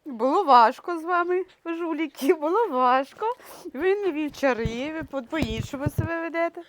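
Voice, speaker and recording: A woman's voice: high voice, expressive, normal speed, a little hiss or hum. A Ukrainian woman dog breeder, tearful, cooing baby talk to her puppies in an emotional vlog. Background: dogs.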